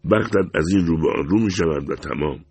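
A man with a gravelly voice narrating a story steadily, close to the mic. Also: low voice, darkish tone, dry recording. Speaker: audiobook narrator.

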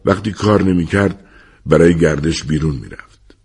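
A man's voice: deep voice, darkish tone, husky. A man narrating a story in an audiobook, reading expressively.

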